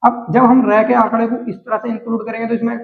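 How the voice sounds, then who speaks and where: A man's voice: extremely high pitch, flat delivery, quick pace. A man teaching shorthand step by step as he writes, patiently repeating each rule and talking casually to his viewers. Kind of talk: explaining steps while writing on a board. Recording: echoey room, tinny phone-like sound.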